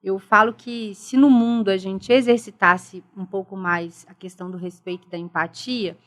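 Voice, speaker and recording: The guest on this casual podcast interview is a middle-aged Brazilian school director whose Portuguese accent colors a mid-range, fairly bright voice. She speaks at a moderate pace with fairly even intonation, earnest and reflective, stressing respect and dialogue.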